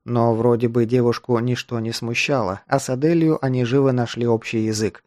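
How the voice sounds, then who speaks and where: A man reading an audiobook aloud in an even, measured manner, voicing the characters' lines himself. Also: medium pitch, no echo, clean studio sound. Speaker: audiobook narrator. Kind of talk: scripted narration.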